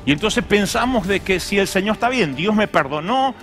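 Brief: high, lively-voiced male pastor, comic storytelling sermon, faint music behind. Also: moderate pace. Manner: animated storytelling with acted voices and jokes. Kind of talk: humorous sermon.

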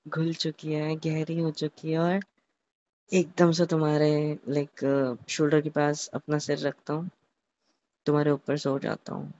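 On an intimate, casual phone call, a young man haltingly describes a romantic scenario, repeating words and slipping in some English. His voice is a little high and somewhat mellow, and the lo-fi call sounds muffled.

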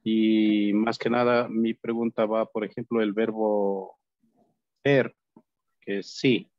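A man's voice: on the low side, little pitch movement, slow pace, dry recording. A male student asking hesitant questions in an online class, with many fillers. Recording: dull, dry call audio.

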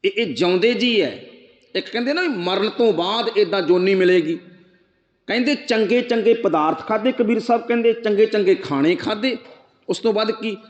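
A man giving a sermon, explaining scripture line by line, asking rhetorical questions, reciting verse slowly and speaking straight to his listeners. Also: high-pitched. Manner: addresses listeners directly. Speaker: preacher. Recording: echoey hall, dull lo-fi sound.

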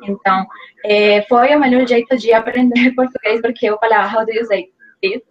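A Portuguese-learning guest, a young native Spanish speaker from Colombia with a Colombian accent, recounts her story in a casual interview from a small room at home. Her fairly high voice has fairly even intonation and normal speed, and she often restarts, leans on fillers, hesitates and laughs easily. The audio is dull.

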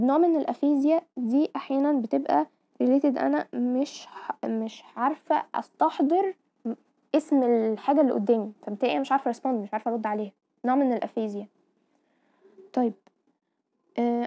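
Egyptian woman, medical lecturer, slightly high voice, explanatory pace with frequent comprehension checks, dull lo-fi recording. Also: fast talker, dark tone. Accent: Egyptian Arabic. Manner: explanatory, mixing English medical terms, frequent "tamam?" checks.

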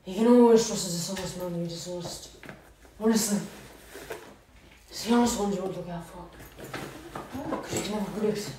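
A woman voicing a roguish male pirate captain in a low, loose drawl that speeds up as it rambles. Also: a little fast, long pauses, very echoey, far from the mic, a crowd in the background, natural voice. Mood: sly.

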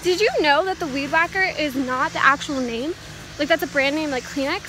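Teen girl vlogger, high voice, chatty and crude, self-mocking, phone held out on a walk, faint street noise. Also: fairly quick. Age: teens. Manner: rambling, profane, self-mocking, frequent laughs. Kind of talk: casual walk-and-talk vlog. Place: outdoors on a town street. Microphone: phone at arm's length while walking. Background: faint street noise and a weed whacker.

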